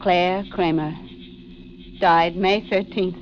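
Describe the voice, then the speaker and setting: An actress plays a frightened, desperate woman narrating her own mystery in dramatic 1940s radio style, the mood tense and haunted. Her voice is low, steady and slow, heard on a muffled 1940s radio recording with dramatic music and slight background noise.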